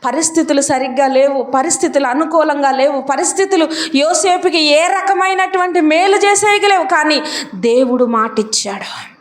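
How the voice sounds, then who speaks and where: Woman preacher, high voice, testimony and sermon, builds to emphatic repeated lines. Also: steady tone, normal speed. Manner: rising to emphatic repeated declarations.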